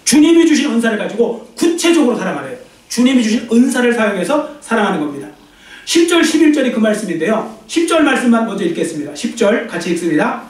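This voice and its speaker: A man's voice: very high-pitched, fast, far from the mic. A man preaching a sermon as pastor, telling stories and acting out the voices of the people in them. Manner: animated storytelling, acting out quoted voices. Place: church sanctuary. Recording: roomy church sound from off-mic.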